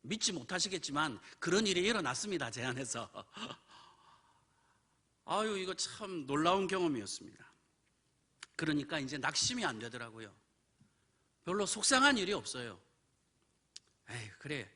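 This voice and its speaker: Animated bright-voiced male pastor. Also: a little high, normal speed, long pauses. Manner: animated storytelling, acts out quoted voices. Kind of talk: sermon with personal story. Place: church.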